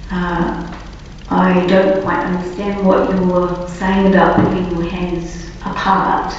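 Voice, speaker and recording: A woman police officer giving formal, deliberate and halting testimony as a witness under cross-examination. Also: lowish voice, little pitch movement. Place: large reverberant courtroom, far from microphone. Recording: very echoey distant courtroom recording, muffled, faint noise.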